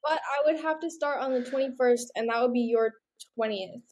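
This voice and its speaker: A woman's voice: fairly high pitch, fairly quick, a little mellow. A woman co-hosting a podcast in casual chat, upbeat, often hesitating with "um" and "like". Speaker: podcast co-host.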